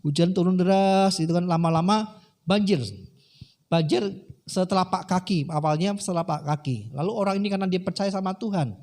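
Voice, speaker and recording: A man's voice: high-pitched, a little fast, a little mellow. A man preaching a sermon, telling a story in a conversational way and addressing the congregation directly. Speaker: pastor.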